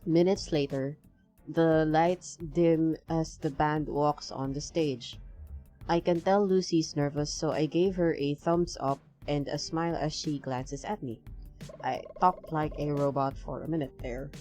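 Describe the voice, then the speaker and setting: Low-voiced woman streamer, reads game text and rambles with fillers, faint music under. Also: fairly even intonation, measured pace, mellow. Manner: rambling, filler-heavy chat. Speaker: let's play streamer. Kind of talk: reading a visual novel aloud with commentary.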